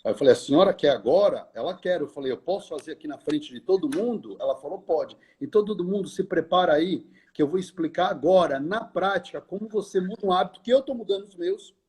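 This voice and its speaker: A middle-aged man, a lecturer, telling a story in conversation in an animated way, acting out the dialogue and often speaking to the host by name. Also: high voice, husky.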